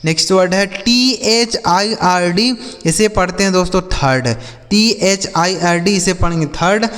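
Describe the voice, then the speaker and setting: Unhurried and fairly bright in tone, a high-voiced man spells English words letter by letter and repeats each meaning several times in a slow vocabulary lesson. It sounds like a big room.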